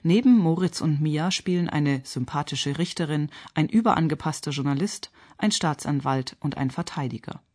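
Speaking low with a somewhat dark tone, a female critic on radio delivers a prepared theatre review in a measured, articulate, and pointed way.

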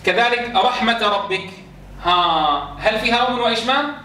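A man's voice: high-pitched, moderate pace, bright, forceful tone, a little hiss or hum. Male Quran teacher, quizzes a live class, recorded from a distance in a room with strong echo. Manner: quizzes students, chants verse examples. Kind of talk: recitation rules lesson to a class. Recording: roomy echo, distant mic.

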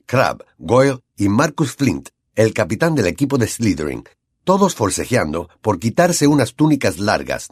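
A man with a Latin American Spanish accent narrating an audiobook in an expressive, animated way. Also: lowish voice, husky, no room sound, clean studio sound.

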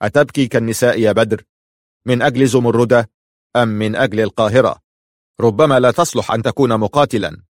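A man's voice: lowish voice, a little fast, no room sound, studio quality, natural voice. A man voicing a stern, commanding Mamluk master. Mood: angry. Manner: commanding, threatening. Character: stern harsh male Mamluk master, middle-aged.

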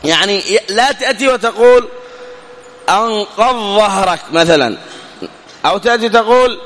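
A man teaching Quranic recitation rules, who asks and answers his own questions and slows right down to recite the example words. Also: high-pitched, expressive, a bit bright, long reverb tail, slight background noise. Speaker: tajweed teacher. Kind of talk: recorded lesson explaining a poem.

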